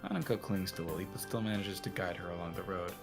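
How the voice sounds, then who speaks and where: Man, cowboy drawl, visual novel narration, very low voice, gravelly. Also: fast talker, over music. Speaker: narrator and lead reader. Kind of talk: reading a visual novel aloud.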